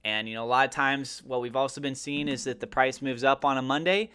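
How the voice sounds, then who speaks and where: Talking fairly quickly in a mid-range voice, this finance and crypto video host delivers casual market commentary with emphatic, colloquial energy. He fires pointed rhetorical questions at viewers, his tone bright, forceful, clear and resonant.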